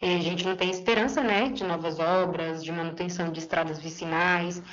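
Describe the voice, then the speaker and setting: A woman's voice: fairly low pitch, steady tone, brisk, a bit bright. A Brazilian woman, a local official, explaining in an interview clip. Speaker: municipal finance official. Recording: slightly dull interview clip.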